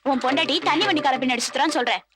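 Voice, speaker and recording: A woman's voice: high-pitched, very fast, close to an everyday voice. An actress playing a shy, sensible young village woman about to marry, who waves off teasing. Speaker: heroine. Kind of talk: Tamil film dialogue.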